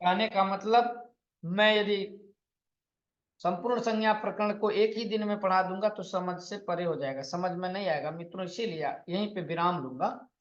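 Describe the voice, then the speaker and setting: A man teaching Sanskrit grammar in an online lecture, explaining patiently and repeating lists, sometimes chanting sutras slowly. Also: high voice. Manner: slow, patient explaining with repetition and counting out lists. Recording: echoey, dull lo-fi room recording.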